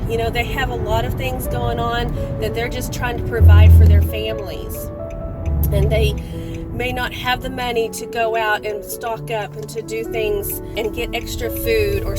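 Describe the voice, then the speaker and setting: Woman, slightly high pitch, reflective car vlog, casual talk, busy road noise, prominent music. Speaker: classroom teacher, vlogger. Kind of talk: casual spoken vlog journal. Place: inside a car, driving on a commute.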